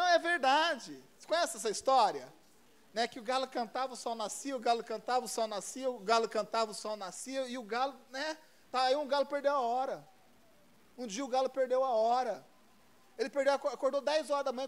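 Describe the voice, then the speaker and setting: A Brazilian pastor with a notably high voice preaches a sermon to his church. He speaks conversationally and repeats phrases for emphasis. His folksy asides keep the sermon informal. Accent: Brazilian Portuguese. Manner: conversational, repetitive, folksy storytelling. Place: church service.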